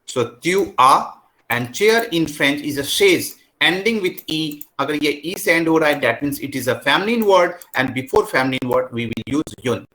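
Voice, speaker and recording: A man with an Indian accent teaching a French class, slowly drilling the words and switching between English and Hindi. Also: a little high, expressive, sharp tone, rough recording. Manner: slow, repetitive drilling, mixing English and Hindi. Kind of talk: classroom lesson.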